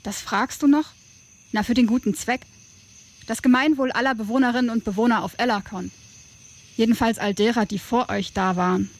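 A woman's voice: fairly high pitch, fairly even intonation, brisk. An actress playing a cheeky, unfazed tribeswoman in an audio drama, with a casual, mocking manner. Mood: teasing. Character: cheeky, unfazed tribeswoman, teasing but helpful rebel.

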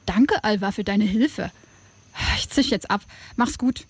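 A woman's voice: mid-range voice, unhurried, husky. An actress playing a cheeky, unfazed tribeswoman in an audio drama, with a casual, mocking manner. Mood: brisk, helpful. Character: cheeky, unfazed tribeswoman, teasing but helpful rebel.

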